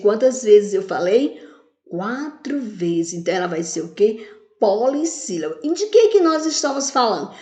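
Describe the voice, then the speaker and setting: A woman's voice: medium pitch, big pitch swings, normal speed, a little mellow, echoey room. A woman teaching children in a recorded video lesson, asking questions and answering them herself while stretching words out syllable by syllable. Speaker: primary school teacher.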